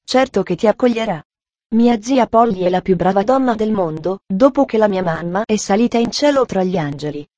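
A woman's voice: mid-range voice, expressive, fairly quick, mellow, no echo, natural voice. A woman voicing a cheerful, chatty young girl who explains things earnestly, in a storybook reading. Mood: eager.

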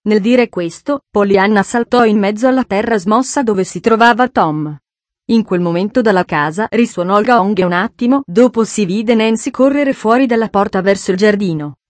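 A woman narrating a children's story in a calm, even storytelling manner. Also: mid-range voice, normal speed, no echo. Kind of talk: audiobook narration.

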